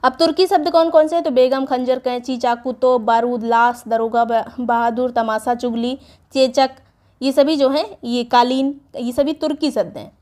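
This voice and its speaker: A woman's voice: sits high, steady tone, normal speed, a little mellow. A woman teaching an exam prep lesson, explaining step by step and reading word lists aloud. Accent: Hindi, North Indian.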